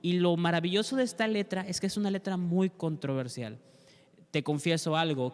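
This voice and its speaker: A man's voice: fairly high pitch, clean tone. Man, Bible class teacher, earnest direct address, resonant voice, long reverb.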